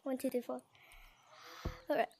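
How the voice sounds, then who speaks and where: A woman's voice: normal speed, mellow, a little hiss or hum. A woman hosting a casual gameplay prank video, playfully acting clueless and asking the same questions over and over. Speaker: gaming video host.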